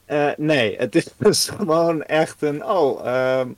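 A man's voice: a little high, slow pace, no echo. A man, podcast co-host, chatting casually about a fairy tale, hesitant with many fillers. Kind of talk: casual chat.

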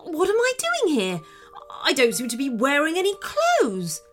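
A woman's voice: high-pitched, huge pitch swings, a little slow, fairly bright tone, soft background music, voice pushed up, heavily acted. A woman voicing a young prince who is polite and puzzled. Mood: bewildered. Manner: puzzled, mild.

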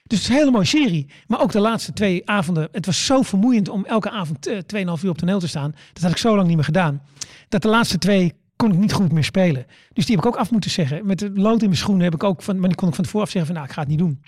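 A fast-talking, high-pitched middle-aged stand-up comedian barely pauses as he chats and tells stories, his voice a little mellow with lively intonation. Stammering restarts and repeated words mark his delivery, and he acts out what he once said. The studio sound is clean with no room sound.

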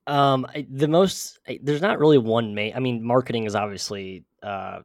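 A man's voice: medium pitch, moderate pace, a little mellow, no echo, clean studio sound. A man with a nasal voice, a guest on a casual podcast, rambling and self-deprecating with many fillers. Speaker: podcast guest, sports writer.

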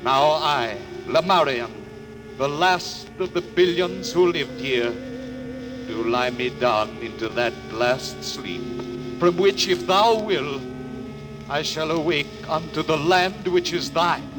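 High, slow, ceremonial last survivor. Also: male voice. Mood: solemn farewell. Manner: declamatory, ceremonial, slow phrases. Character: last survivor of an ancient race, reverent and doomed. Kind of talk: 1950s radio acting. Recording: old radio disc with music.

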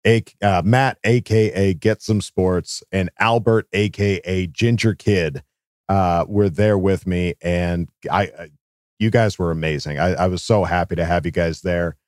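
Hoarse guy on a sports podcast, kinda low voice, rambly and hyped. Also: no echo, clean studio sound. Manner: rambling, halting restarts; excitable fan energy. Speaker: podcast co-host. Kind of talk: casual sports podcast chat.

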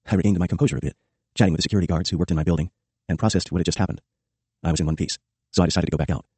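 A man reading a first-person memoir as an audiobook, brisk and matter-of-fact. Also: low voice, mellow, breathy edge, no room sound. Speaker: audiobook narrator.

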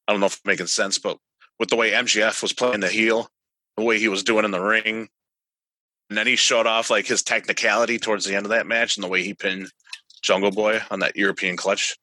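A man talking in an excited frat-bro way, casually chatting about wrestling with lots of slang and swearing. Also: on the low side, a little fast, dry recording, rough recording. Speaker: wrestling podcast co-host. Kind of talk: casual, profane wrestling chat.

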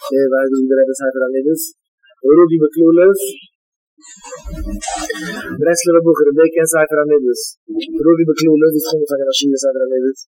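A rabbi delivering a religious lecture in a slightly higher-than-average male voice. He hammers on key phrases, repeating them, and moves from soft asides to loud, rising exclamations. Faint music sits quietly behind him. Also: fairly even intonation, normal speed, husky, dry recording, rough recording. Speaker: rabbi giving a yeshiva talk.

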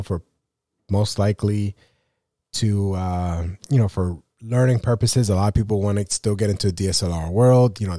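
On his photography podcast, a man still sick with a cold rants casually and at length on his own, repeatedly falling back on "you know" and "right?". His voice stays low and mellow, captured up close in a dry space with no room sound.

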